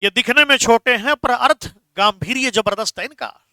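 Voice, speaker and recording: A man's voice: extremely high pitch, moderate pace, bright, forceful tone, dry recording, studio quality. A man teaching a Hindi grammar class online, stressing key words and answering viewers' comments.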